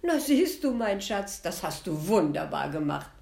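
A woman voicing a jovial, gullible young prince in a fairy tale, loud and booming, a little higher than her narrating voice. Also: very animated, measured pace, vocal fry, heavily acted. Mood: hearty.

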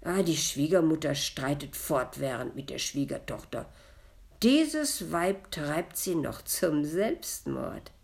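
A woman's voice: lowish voice, very animated, slow, vocal fry, darkish tone, exaggerated voice. A woman voicing the ghost of a young girl, whiny, touchy and plaintive, in a read-aloud story. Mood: offended.

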